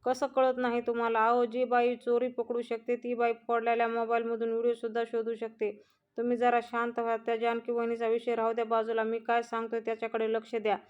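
An anxious, kind-hearted young man, voiced by a woman in a recap. The delivery is high, crisp and strikingly flat, and it barely moves up or down. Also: brisk, muffled recording, natural voice. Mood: pleading. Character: worried, well-meaning young man.

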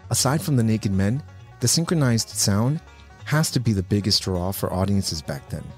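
A man with a fairly low voice reads a scripted video essay in a measured, informative way. His voice-over sits over clear background music. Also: expressive. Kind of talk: scripted narration.

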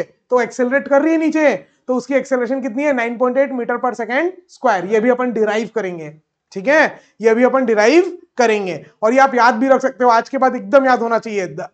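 In an extremely high-pitched voice, a man gives a classroom physics lecture in Hindi sprinkled with English terms. He repeatedly poses questions and answers them himself, slowing way down whenever he dictates.

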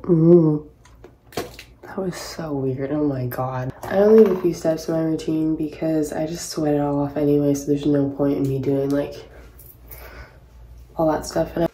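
A professional tennis player from Hawaii, in her twenties, vlogs in a small bathroom while getting ready, chatting casually with rambling jokes at her own expense. Her voice sits low with a dark tone, fairly even intonation, and normal speed. The roomy, low-quality audio, with slight background noise, comes from a built-in mic on a phone or laptop up close.

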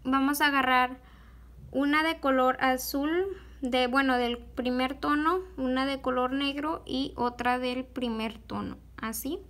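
A young woman giving a slow, patient, step-by-step beadwork tutorial, pausing often on fillers as she works. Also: high voice, fairly even intonation, a bit bright.

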